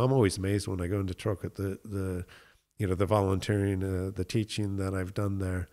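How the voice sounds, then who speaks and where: A middle-aged man from the United States speaks in a fairly low voice as a guest on a relaxed interview show. He talks thoughtfully and with enthusiasm, often pausing on fillers while he shapes his points. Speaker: guest winemaker.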